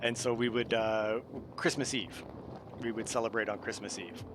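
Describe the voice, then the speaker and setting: A man's voice: fairly low pitch, steady tone, moderate pace. A man from the United States, streaming and chatting casually, easygoing and rambling with lots of fillers. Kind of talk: casual chat. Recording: faint background noise.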